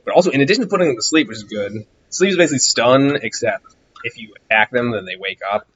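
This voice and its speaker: A man streaming a game, rambling distractedly through casual commentary while he grows hoarse and loses his voice. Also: medium pitch, animated, fast talker, a bit bright, muffled recording, a little hiss or hum. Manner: rambling, distracted, musing aloud.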